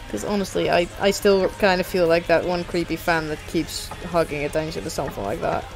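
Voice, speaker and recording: A woman's voice: fairly low pitch, fairly even intonation, normal speed, over music. A young adult woman streamer chatting casually, rambling and self-deprecating, swearing now and then.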